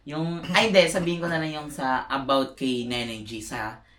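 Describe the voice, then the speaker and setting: A woman's voice: very deep voice, fairly even intonation, normal speed, fairly bright tone. A woman casting votes in a casual chat, hesitant and searching for words, giggling now and then. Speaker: housemate casting eviction votes. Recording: roomy echo.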